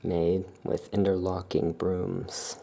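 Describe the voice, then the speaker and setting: In an ASMR roleplay, a witch shopkeeper presents her amulets in a soft-spoken, calm manner, explaining each one unhurriedly. Her voice is low, creaky and slow.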